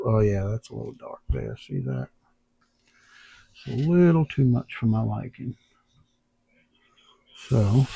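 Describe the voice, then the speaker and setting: A man's voice: medium pitch, creaky, mellow, slight background noise. A man airbrushing in his home workshop, thinking aloud and muttering to himself as he works, with the hiccups, recorded on a tablet camera. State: has the hiccups. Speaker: airbrush artist. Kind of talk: casual talk while working. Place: home workshop under overhead lights.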